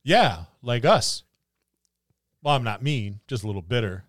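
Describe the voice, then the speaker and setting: In clean studio sound with no room echo, a male gaming podcast co-host chats informally about tabletop games, joking and drifting into imagined dialogue. His mid-range voice is animated but paced in a measured way.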